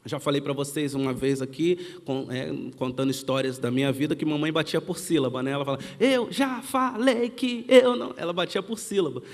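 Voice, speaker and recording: A man's voice: mid-range voice, fairly even intonation, fast, hardly any pauses, long reverb tail. A man with a Brazilian Portuguese accent preaching a sermon, telling a childhood story and acting out the family's lines. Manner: storytelling, acts out quoted family dialogue. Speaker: pastor. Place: church.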